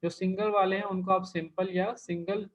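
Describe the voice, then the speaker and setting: High-voiced man teaching an online class. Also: little pitch movement, moderate pace. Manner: patient, explains step by step, repeats terms. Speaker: language teacher. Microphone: computer mic in an online class. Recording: dull lo-fi online class recording.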